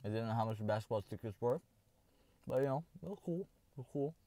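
A teenage boy rambling offhand through a casual snack review in his parked car, often dropping into low, soft asides. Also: lively intonation, quick pace, dry recording.

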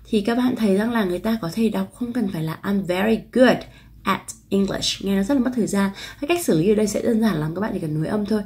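A woman with a Vietnamese accent teaching English pronunciation, modeling phrases slowly and clearly. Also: mid-range voice, animated, dark tone. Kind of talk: pronunciation lesson.

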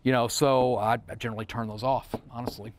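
This is an informal tech product demonstration: a middle-aged man heads a seminar from a studio demo table, sitting among a small group. He talks fast in a flat, mid-range voice, plain and casual, tossing in asides. A close wireless mic picks him up, along with background noise.

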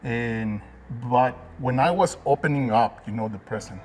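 A man's voice: mid-range voice, moderate pace, a little mellow, slight background noise. Earnest Guatemalan-born man hosting a chat. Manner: plain-spoken, earnest storytelling with fillers. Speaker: host. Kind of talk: casual interview. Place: detailing supply shop, indoors.

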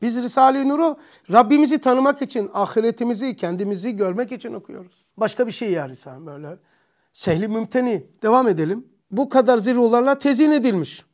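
A man's voice: very high-pitched, animated, fast talker, a little mellow. A Turkish-accented man teaching an informal religious study class, thinking aloud and asking himself questions.

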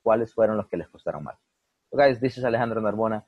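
In a lively bilingual lesson, a man teaching English drills example words slowly. His voice is low and husky, and the recording sounds dry and a little muffled, with no echo.

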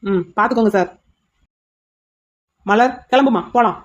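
A woman voicing a loud, indignant young man who is the fiancé in a cartoon. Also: on the high side, measured pace, muffled recording.

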